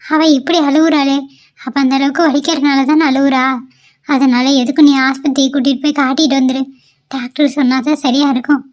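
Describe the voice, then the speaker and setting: Speaking briskly in her natural, high voice with a steady tone, a woman portrays a middle-aged mother-in-law in a cartoon. The character is caring yet anxious, alternating between soothing and fretting, and calls on god.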